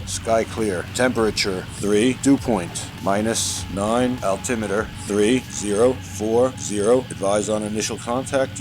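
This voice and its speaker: A computer-generated male voice reading an automated airport weather broadcast in a flat, clipped way, looping the same report. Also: lowish voice, rough recording. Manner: flat, clipped, synthetic readout of call signs and figures. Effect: computer-generated voice from a flight simulator.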